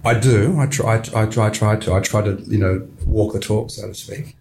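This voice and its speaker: A man's voice: fairly low pitch, fairly even intonation, normal speed, vocal fry, a little mellow, a little hiss or hum. A man interviewing casually, tentative and often repeating his phrases. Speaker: guest interviewer.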